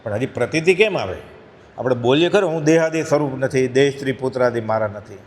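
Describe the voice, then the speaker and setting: A spiritual speaker with a medium-pitched voice talks at a quick pace, delivering a devotional discourse in a hall with long reverb. He tells a parable and acts out the voices of its lions.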